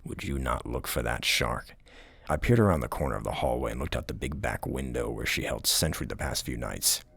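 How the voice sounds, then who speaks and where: Very deep, gravelly, haunting male narrator. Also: expressive, fairly quick, a bit bright, no echo, clean studio sound. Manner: low, haunting delivery, at times breathy near-whisper. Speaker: horror story narrator. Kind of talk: scripted scary story narration. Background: music.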